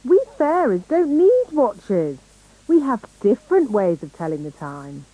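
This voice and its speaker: A woman voicing a bossy, brisk fairy nanny in a children's cartoon, with a British accent and a haughty, theatrical manner. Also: medium pitch, big pitch swings, husky, narrow, tinny audio. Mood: brisk, knowing. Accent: British English.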